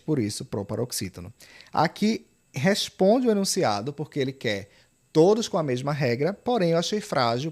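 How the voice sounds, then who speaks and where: Brazilian male exam-prep teacher, mid-pitched, step-by-step, punchy asides. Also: a little mellow. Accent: Brazilian Portuguese. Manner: explains step by step, often adds "tá?" and "ó"; stresses key points with emphatic, urgent appeals. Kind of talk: online grammar lesson.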